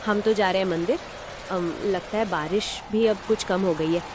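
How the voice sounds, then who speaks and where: A woman voicing a pious village wife in a cartoon who gently urges her husband to trust in God. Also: mid-range voice, moderate pace, noisy background, natural voice. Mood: reproachful. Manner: gently coaxing, faithful, reassuring.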